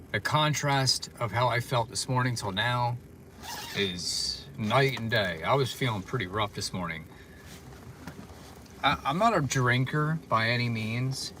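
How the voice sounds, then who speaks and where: A man's voice: medium pitch, pushed and bright. Tired guy rambling on a stream, sitting in his parked car, says like a lot, bit of car hum. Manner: rambling, frequent "like" fillers. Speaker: vlogger. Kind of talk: casual livestream chat.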